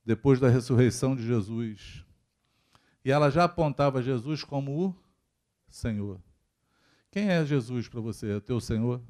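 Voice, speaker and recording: A Brazilian man preaching to his congregation in church. His voice sits in an ordinary middle register. He talks in a relaxed, conversational way, with frequent questions aimed at the listeners. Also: mid-range voice. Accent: Brazilian Portuguese. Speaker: pastor. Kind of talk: sermon.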